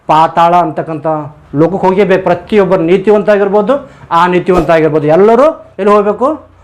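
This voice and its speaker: A male preacher giving a sermon and closing in prayer, earnest, often asking the listeners questions. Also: high-pitched.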